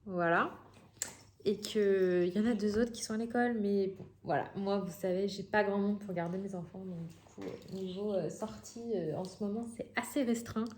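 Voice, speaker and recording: A woman's voice: medium pitch, fairly even intonation, moderate pace, darkish tone. A woman in her thirties chatting casually at home in a hobby vlog, with many fillers and restarts. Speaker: coloring vlogger. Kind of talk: casual chat.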